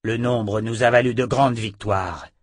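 A man's voice: mid-range voice, fairly even intonation, measured pace, dry recording, lightly acted. A grim commander grumbles and scoffs at his allies, voiced by the man reading the book. The reading is dry and close, with no room around it. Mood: gruff. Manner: gruff, scornful. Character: grim, gruff male commander.

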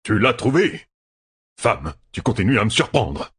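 A man voicing a blunt, grumbling husband in an audiobook, close to his own low husky voice. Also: very animated, unhurried, a bit bright, exaggerated voice. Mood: gruff. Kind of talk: audiobook character voice.

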